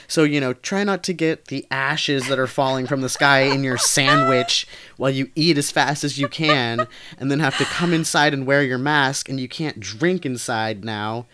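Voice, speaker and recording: A woman co-hosts a casual podcast with an unusually deep, low-pitched voice. She talks wryly and teasingly, spinning her anecdotes with dry humor. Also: moderate pace, few pauses, slight background noise. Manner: teasing, wry, animated storytelling. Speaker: podcast co-host. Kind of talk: casual chat.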